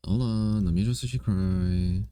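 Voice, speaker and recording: A man's voice: sits low, unhurried, dark tone, a little hiss or hum. A young man streaming, chatting casually and playfully to himself and his viewers while gaming and drawing. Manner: playful, rambling, talks to himself and chat.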